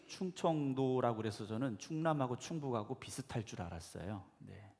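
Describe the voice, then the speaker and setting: Gravelly-voiced pastor preaching in a reverberant church. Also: male voice, medium pitch, animated, moderate pace, a little mellow. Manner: conversational, asks the congregation questions, frequent affirming "네". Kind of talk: sermon. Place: church sanctuary. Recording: echoey church hall.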